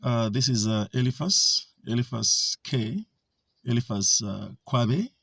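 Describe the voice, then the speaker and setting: Speaking with a Zambian accent, a man gives an informal talk in an animated, sharp tone, hesitating often on fillers and restarting sentences. His mid-pitched voice is gravelly and a little husky. The recording is dry and close, without room echo.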